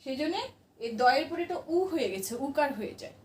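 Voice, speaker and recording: A woman's voice: high-pitched, expressive, fast, a little mellow, reverberant, far from the mic, a little hiss or hum. A woman teacher giving a grammar lesson to her class, patiently asking questions and answering them herself.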